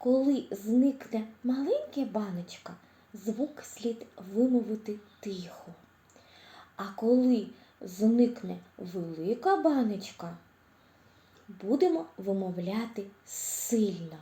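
A speech therapist with a Ukrainian accent teaches preschoolers a slow, clear, cheerful and encouraging lesson, carefully articulating each sound with drawn-out vowels. Her medium-pitched voice has lively intonation, and she drops to a whisper to demonstrate quiet sounds, in a reverberant space.

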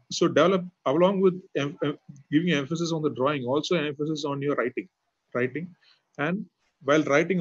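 Hesitant lecturer, muffled call. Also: male voice, fairly high pitch, dry recording. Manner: hesitant, many fillers and restarts. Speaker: architecture lecturer answering questions. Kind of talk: webinar Q&A answers. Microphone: video call mic. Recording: muffled lo-fi webinar audio.

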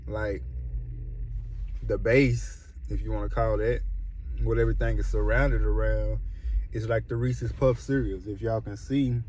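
A man doing a casual food review, chatty and relaxed, repeating himself and chuckling often. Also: lowish voice, unhurried, a little hiss or hum. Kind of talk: casual product review vlog.

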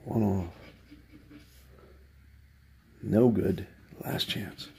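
A man's voice: fairly low pitch, slow pace, gravelly, dark tone, slight background noise. A man hosting his own lottery video, talking to himself in a wry, sarcastic running commentary as he scratches tickets. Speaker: channel host.

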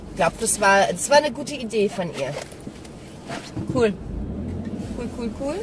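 A woman vlogs casually and loosely from inside a small car, her voice on the high side with lively intonation and an unhurried pace. A dashboard camera at arm's length picks her up over loud car noise.

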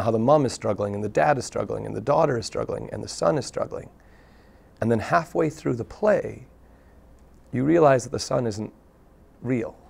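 A man, a local theatre artist, talking earnestly in a TV interview, telling things in an animated way with many restarts. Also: fairly low pitch, vocal fry. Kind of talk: casual interview talk. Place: TV studio.

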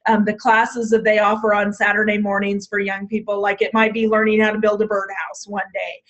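Her voice is medium in pitch and fairly bright, yet completely flat and fairly quick. She's a state 4-H program leader holding an online orientation for youth program staff, chatting with frequent ums and restarts while her worn-out voice gives way.

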